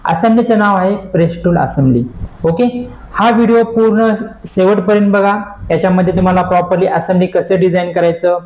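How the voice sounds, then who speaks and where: A man giving a screen-recorded software tutorial, explaining step by step and asking himself questions he then answers. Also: high voice, fairly quick, low-quality recording. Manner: explains step by step, mixing English terms, repeats questions and answers them.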